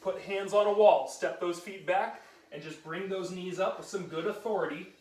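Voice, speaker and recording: A man's voice: high-pitched, normal speed, darkish tone. A man leading a live workout class, giving upbeat, encouraging countdown cues with a joking edge. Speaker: fitness instructor. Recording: roomy sound, mic at a distance.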